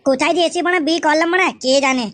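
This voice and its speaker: A brash young son-in-law who swears and rants fast in a high, bright voice, as a woman plays him. The sound is dry and close. This is comic cartoon voice acting. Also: no room sound. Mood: indignant. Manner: crude, swearing, indignant.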